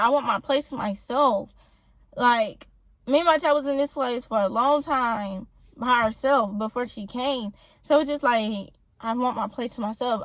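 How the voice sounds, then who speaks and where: A young woman vlogger telling a storytime straight to her viewers, animated and indignant, with many "like" fillers. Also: on the high side, dry recording. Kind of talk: casual storytime addressed to viewers.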